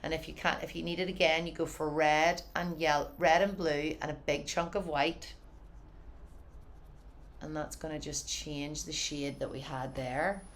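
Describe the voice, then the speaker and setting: A woman's voice: low voice, steady tone, moderate pace, slight background noise. A woman giving a casual, encouraging painting tutorial from her studio, chatty and often saying "wee". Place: home art studio.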